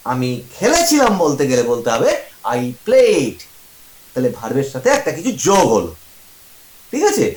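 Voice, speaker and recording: Male teacher, lively and high-pitched, keeps quizzing the class, echoey room. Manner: asks the class questions and answers them himself, repeats examples slowly. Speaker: English teacher. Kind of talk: classroom-style grammar lesson.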